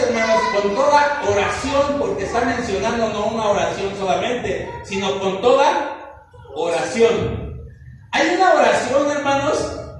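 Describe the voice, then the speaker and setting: A man's voice: very high-pitched, recorded from a distance, slight background noise. A man with a Mexican Spanish accent, a pastor preaching a sermon to his congregation, often addressing them as brothers. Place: church hall. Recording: echoey church, recorded from afar.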